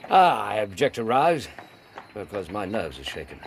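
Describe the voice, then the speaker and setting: An English actor playing a good-natured, modest doctor back from war in a radio drama, polite and wry. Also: male voice, fairly low pitch, sing-song, moderate pace, a little hiss or hum. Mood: wry, confessional.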